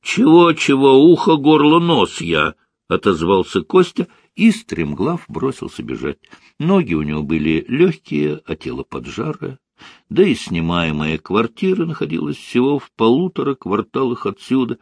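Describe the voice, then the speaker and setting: A man reading a story aloud as an audiobook narrator in an expressive, storytelling manner. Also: fairly low pitch, normal speed, creaky, breathy edge, no room sound, studio quality. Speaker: audiobook reader.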